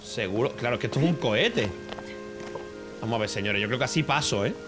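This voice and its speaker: A man's voice: mid-range voice, expressive, fast, loud music behind the voice. A man, chatting casually on a live stream while he games, swearing freely and breaking into laughter.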